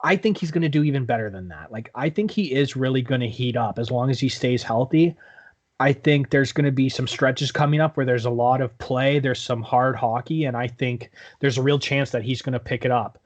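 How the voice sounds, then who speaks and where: A man's voice: mid-range voice, a little fast. A man co-hosting a podcast, giving blunt hockey opinions in casual chat, swearing often and saying "like" a lot. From Canada. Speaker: podcast co-host.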